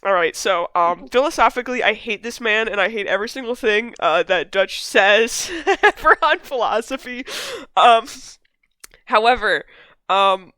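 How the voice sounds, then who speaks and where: A chatty woman hosts a casual book discussion and laughs easily between her questions. Her voice is bright and forward. The sound is dry and close, with no room around it. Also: medium pitch, expressive, moderate pace, smooth, dry recording. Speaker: book club host.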